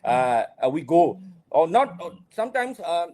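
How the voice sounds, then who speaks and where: A club leader with a Burmese accent co-hosts a live-streamed panel, his fairly high, warm voice very animated but unhurried, with no echo. His non-native English is hesitant, and he frequently repeats his words.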